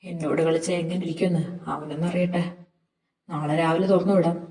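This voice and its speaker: A woman's voice: lowish voice, fairly even intonation, fairly quick, mellow, close to an everyday voice. A woman playing a sly scheming young man. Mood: smug. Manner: sly, conspiratorial. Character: scheming young man plotting a cruel prank. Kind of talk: fan audio drama acting. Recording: roomy, distant amateur recording.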